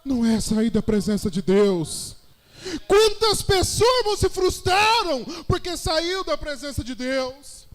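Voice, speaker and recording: A Brazilian man preaching a sermon, telling his own testimony and building to shouted praise. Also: very high voice, sing-song, measured pace. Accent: Brazilian Portuguese. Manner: testimony-style storytelling, rising to shouted praise.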